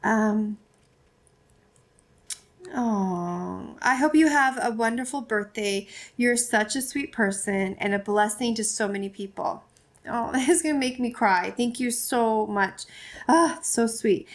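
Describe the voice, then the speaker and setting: A woman's voice: on the high side, takes it slowly. A woman in her forties chatting casually on her vlog, effusive and gushing, rambling with frequent restarts. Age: 40s. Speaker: vlogger. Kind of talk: casual chat opening fan mail.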